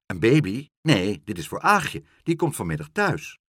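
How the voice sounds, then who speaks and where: A man voicing a stern, fussy, house-proud woman in a storybook reading, hurried and self-important. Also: fairly low pitch, wildly swooping pitch, a bit bright, no echo, studio quality, exaggerated voice. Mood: brisk.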